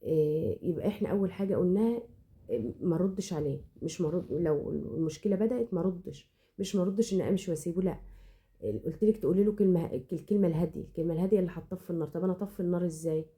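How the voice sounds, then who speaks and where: A woman's voice: on the low side, very fast, dark tone. A woman with an Egyptian accent giving earnest, heartfelt advice to viewers in a home vlog, often restarting and swearing oaths as she talks. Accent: Egyptian Arabic. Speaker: home cooking channel host.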